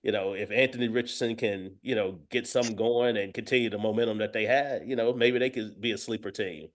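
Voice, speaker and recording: A man offers casual football analysis as a guest, speaking fairly quickly with a fairly low pitch and steady tone. He is emphatic and keeps repeating and rephrasing his points as he goes.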